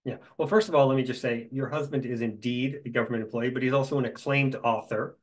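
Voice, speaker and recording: Middle-aged man telling a lively anecdote. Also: mid-range voice, fast talker, rough recording. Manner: lively storyteller with dry humor. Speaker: guest.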